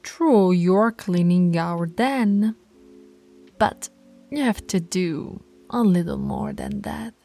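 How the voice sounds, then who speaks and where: Taking it slowly in a warm, mid-range voice, a woman roleplays a dominant female alpha werewolf leading her pack for ASMR, teasing and commanding, often in a breathy whisper. She seems playfully skeptical, with no room sound and soft music in the background.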